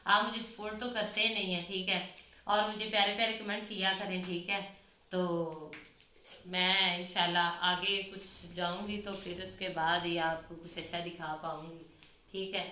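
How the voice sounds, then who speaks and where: A woman's voice: on the low side, flat delivery, moderate pace, sharp tone. A woman from Pakistan filming a casual home vlog on her phone, rambling to viewers in one breath and saying "theek hai" again and again. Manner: chatty, says "theek hai" constantly. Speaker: vlogger. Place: home, in and out of doors. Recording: echoey room with faint ambience.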